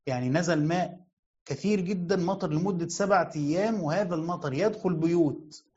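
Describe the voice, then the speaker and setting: The recording is lo-fi, and the man's voice is high-pitched, darkish, and a little fast. He is a sheikh with an Egyptian Arabic accent giving an explanatory Quran commentary lecture, answering his own questions and repeating key phrases.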